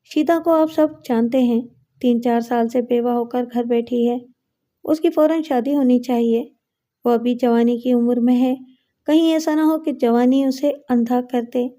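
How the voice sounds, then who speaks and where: Woman reading proud young village wife, storybook, earnest, pleading, slightly high, very mellow. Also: fairly even intonation, natural voice.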